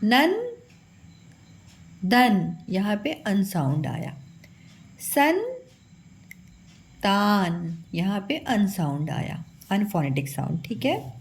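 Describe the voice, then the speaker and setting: A woman's voice: medium pitch, sing-song, very slow, pauses often, a little hiss or hum. A woman teaching children a phonics lesson, patiently sounding out each syllable and calling her pupils "beta".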